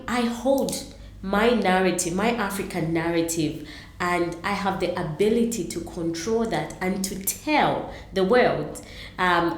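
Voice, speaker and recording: A woman's voice: on the low side, reverberant, a little hiss or hum. A middle-aged woman from Zambia, answering interview questions earnestly, with many ums and restarts. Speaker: interview guest, entrepreneur.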